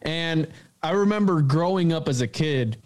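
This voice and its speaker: A man from Puerto Rico co-hosting a podcast, telling stories in an animated, slangy way. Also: fairly high pitch, normal speed. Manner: animated storyteller, slangy, says bro and dude. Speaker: podcast co-host. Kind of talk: casual podcast chat.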